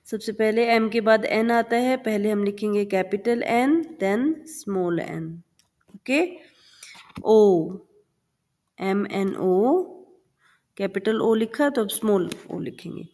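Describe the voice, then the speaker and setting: A woman teacher with an Indian accent, patiently explaining a lesson to young children, mixing Hindi and English and repeating letters and words slowly. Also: medium pitch, warm tone. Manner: switches between Hindi and English, calls the listener "beta". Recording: long hall reverb.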